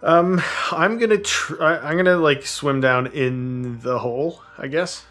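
A man playing a tabletop game, taking his time over every word and pausing with little laughs. His delivery is slow and unhurried. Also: on the high side, fairly bright tone, faint music behind. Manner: slow, hesitant, laughs between words. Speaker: player. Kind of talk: tabletop role-play chat.

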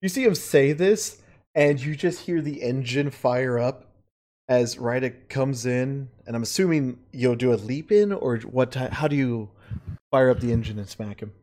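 A man running a tabletop game as game master over an online voice call, casual and quick to swear. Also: medium pitch, a little mellow. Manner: casual, swears freely, quick bursts of narration.

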